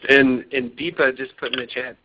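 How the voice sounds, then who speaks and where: Casual host voice, man, mid pitch, muffled line with faint hiss, loose and chatty. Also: fairly even intonation, moderate pace. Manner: loose, upbeat, many fillers and restarts. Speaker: host of a community conference call. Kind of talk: casual conference call hosting. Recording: slightly dull line with faint noise.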